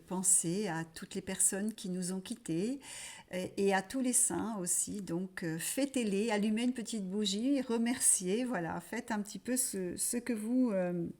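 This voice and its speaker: A woman hosting a weekly spiritual message, talking gently and haltingly, with many fillers and restarts. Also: mid-range voice. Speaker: spiritual channel host.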